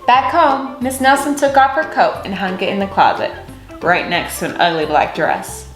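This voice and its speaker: A woman reading a children's picture book aloud with expressive storytelling. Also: mid-range voice, normal speed, roomy sound, faint music behind, low-quality recording.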